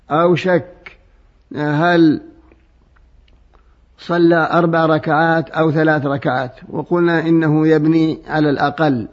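Male religious scholar, higher-pitched voice, didactic step-by-step answers in formal Arabic with some colloquial turns. Muffled old radio sound. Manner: didactic, explaining step by step with examples.

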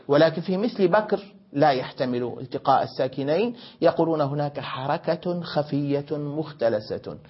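Man, grammar teacher, fairly high voice, explains by restating, dull lo-fi recording. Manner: questions students and corrects their answers; explains by repeating and rephrasing. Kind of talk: classroom lesson.

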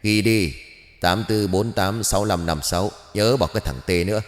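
A man doing a gruff, scolding old ghost. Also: on the low side, normal speed, big-room sound, lightly acted. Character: grumpy, crude old male ghost, nosy and scolding.

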